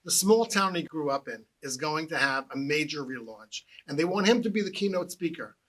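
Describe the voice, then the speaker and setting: A man telling jokes as a storyteller, with punchy delivery and slowed-down punchlines. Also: fairly high pitch, animated, fairly bright tone. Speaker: joke teller.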